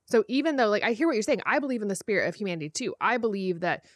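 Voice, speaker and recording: A woman's voice: medium pitch, lively intonation, racing, no echo. Frank woman thinking aloud, dry close sound. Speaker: podcast co-host. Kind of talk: casual conversation. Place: home room, windows shut.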